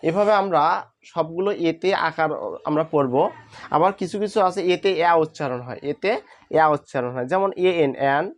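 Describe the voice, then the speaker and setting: A man's voice: fairly high pitch, moderate pace. A man teaching a spoken lesson, patiently asking questions and answering them himself. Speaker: English teacher.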